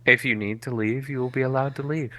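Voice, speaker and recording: A man playing a calm, matter-of-fact male caretaker and former teacher who is unbothered by sarcasm. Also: mid-range voice, fairly quick, dry recording, lightly acted.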